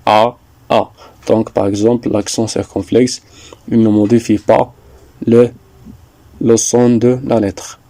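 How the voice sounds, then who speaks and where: A man teaching a French lesson, explaining slowly and deliberately, repeating points with some hesitations. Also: medium pitch, flat delivery, dark tone, dry recording. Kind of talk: slow classroom explanation.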